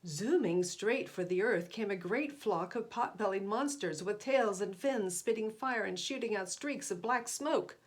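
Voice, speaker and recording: Reading to kids from a picture book, this woman speaks expressively at a slightly slow pace, barely pausing. Her pitch is medium, and she leans on important words and talks directly to her audience now and then.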